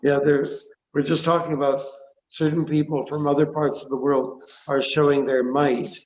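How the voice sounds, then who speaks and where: A man giving an extempore scripture lecture as a religious class teacher, with halting, deliberate phrasing. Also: fairly high pitch, little pitch movement, darkish tone. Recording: dull, echoey online call, faint noise.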